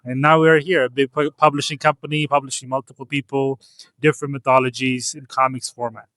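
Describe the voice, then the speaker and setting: A man's voice: medium pitch, flat delivery, a little fast, fairly bright tone, no room sound. A man from Ethiopia, a comics publisher, answering interview questions in an earnest, casual way, often restarting phrases. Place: comic convention floor.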